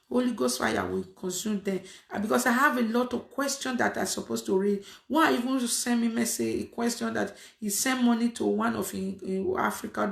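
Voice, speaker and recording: The echoey recording captures an online prayer host preaching casually to viewers in a creaky, mid-range voice. She is emphatic, says her phrases more than once, and fills in with frequent fillers.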